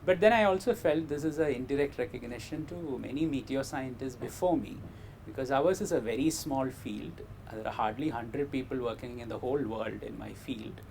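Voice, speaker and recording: A man from Kerala with an educated, well-spoken Indian accent, giving measured, modest interview answers about his own life and work as a scientist. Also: mid-range voice, creaky, darkish tone, a little hiss or hum, poor audio. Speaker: interview guest, meteor scientist. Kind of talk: interview answers, personal career story.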